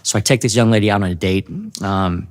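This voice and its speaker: A man sharing his personal testimony in an earnest, halting way, often restarting his sentences. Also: on the low side, steady tone. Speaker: testimony speaker.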